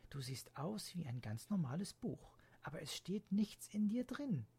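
A man voicing an excited little girl turning eight, speaking high and breathy. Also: slow pace, exaggerated voice. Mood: hushed wonder.

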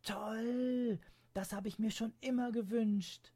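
A man voicing an excited little girl turning eight, speaking high and breathy. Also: slow pace, exaggerated voice.

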